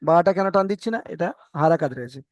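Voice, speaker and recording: A man's voice: on the high side, quick pace, dry recording. A man teaching Quran reading in an online class, patiently repeating rules and correcting his students. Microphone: video call. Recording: dull dry online call audio.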